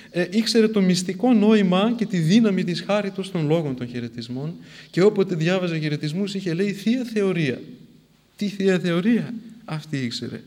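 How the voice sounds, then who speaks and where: A man's voice: high-pitched, darkish tone. A man giving a sermon, moving between plain storytelling and emphatic, formal recitation. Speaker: preacher. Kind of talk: sermon retelling a saint's life.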